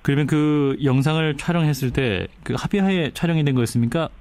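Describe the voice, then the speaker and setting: Male news-show interviewer, quick delivery, mid pitch, dry close studio sound. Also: a little mellow, no echo. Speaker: radio news show host. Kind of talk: broadcast interviewing. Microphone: close studio microphone.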